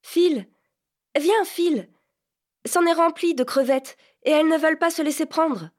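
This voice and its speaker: A woman's voice: sits high, pitched above the performer's own voice. A woman reading an audiobook, voicing a proud, impatient fifteen-year-old girl who snaps and bosses. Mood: excited. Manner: sharp, quick, bossy. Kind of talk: audiobook character voice.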